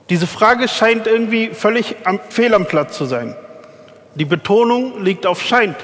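A man's voice: sits high, fairly bright tone, in a large hall. A man preaching a sermon in an earnest way, speaking directly to his listeners.

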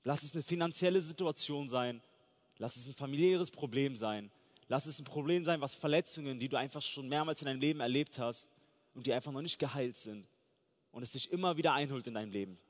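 A man's voice: mid-range voice, brisk. Guy preaching a sermon, earnest and fired up, voice ringing in a big echoey church. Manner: earnest, fervent, builds to emphatic peaks. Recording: long hall reverb.

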